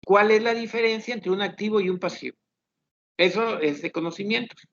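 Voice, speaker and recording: High gravelly teacher on a dull line. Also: male voice, fairly bright tone, a little hiss or hum. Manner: thinking aloud, measured and explanatory. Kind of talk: online class, reviewing student questions. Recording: dull lo-fi online class audio.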